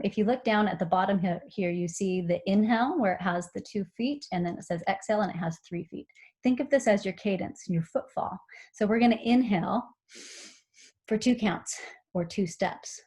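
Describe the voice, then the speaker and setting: A woman giving a recorded seminar on mindful running, explaining calmly with frequent fillers. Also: medium pitch, slightly rough. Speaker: running instructor.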